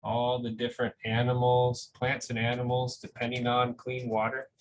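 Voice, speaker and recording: A man with a medium-pitched, monotone voice reads a picture book aloud to school families at a moderate pace, adding casual commentary in an encouraging, conversational way and often checking in with "right?". The audio is poor, with noticeable background noise.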